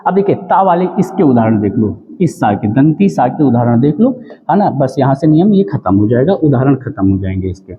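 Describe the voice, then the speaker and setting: A man's voice: medium pitch, sing-song, mellow. A man teaching an exam-prep grammar lesson, who drills each rule with repeated lines and quiz questions to the listener, and who stretches out the syllables of his examples. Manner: drawn-out, spelled-out syllables on the examples. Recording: tinny, lo-fi sound with a long echo.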